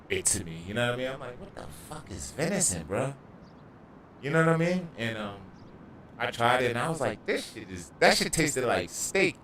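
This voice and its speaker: A man's voice: mid-range voice, a bit bright, a little hiss or hum. A man livestreaming a video game, telling stories in casual, profane slang. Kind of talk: casual gaming livestream chat. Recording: echoey room, distant mic.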